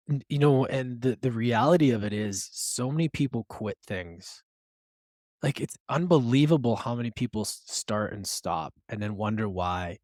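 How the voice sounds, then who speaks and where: A man's voice: mid-range voice, a little mellow, no echo, clean studio sound. A man hosting a podcast, speaking enthusiastically and asking his guest probing questions. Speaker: podcast host. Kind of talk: casual interview.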